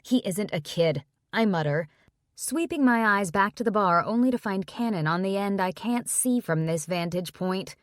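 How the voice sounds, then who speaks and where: A woman narrating a romance audiobook in the first person, in a measured, steady reading. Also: mid-range voice, no echo, clean studio sound.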